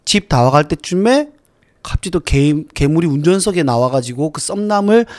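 A man's voice: on the high side, expressive, normal speed, a little mellow. A man in casual podcast chat, animatedly retelling a film plot with sound effects and voiced quotes. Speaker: podcast host.

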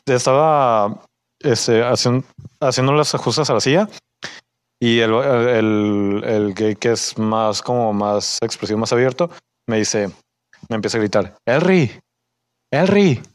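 A man's voice: mid-range voice, clean tone, no echo. A young man with a Mexican accent, casually telling a work story and acting out his coworkers' lines. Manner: animated, acts out coworkers' lines in raised voices; uses Mexican slang.

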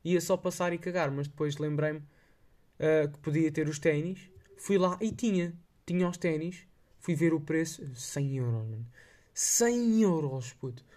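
A man's voice: on the high side, steady tone, moderate pace, a little mellow. A young man with a Lisbon Portuguese accent, chatting casually and telling anecdotes in a slangy, hesitant, rambling way. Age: young adult. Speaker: podcast host.

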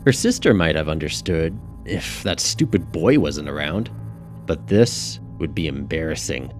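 A man narrating a novel in an audiobook, in a steady, measured way. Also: rumbling low. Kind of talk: scripted narration. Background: faint music.

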